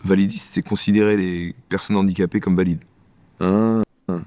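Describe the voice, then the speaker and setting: A man acting out a bickering comedy sketch dialogue, trading quick lines between two characters. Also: low-pitched, fairly even intonation, mellow.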